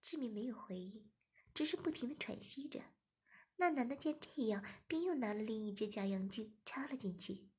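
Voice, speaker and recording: A woman narrating an erotic audio story in a soft, half-whispered manner. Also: fairly high pitch, animated, normal speed, slight background noise.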